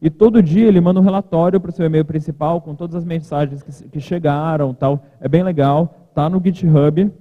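A man's voice: a little high, normal speed, few pauses. A man giving a casual, joking keynote at a podium in a large conference hall. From Brazil. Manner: chatty, informal, joking asides. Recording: reverberant hall, thin lo-fi sound.

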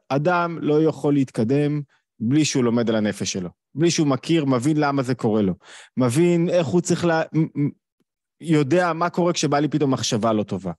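Brief: male guest lecturer, mid-pitched voice, dry close sound, steady explanatory delivery full of rhetorical questions. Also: no echo. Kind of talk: live online talk.

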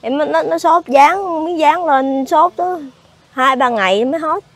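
A pregnant woman with a Southern Vietnamese accent, speaking in a high voice. She answers questions haltingly and stumbles over repeated words. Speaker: fire victim being interviewed. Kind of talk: emotional interview answers.

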